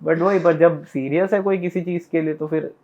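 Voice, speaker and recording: A man's voice: a little high, normal speed. Man with a tinny phone-like sound. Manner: animated retelling that acts out family dialogue. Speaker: podcast guest, content creator. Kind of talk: casual storytelling chat.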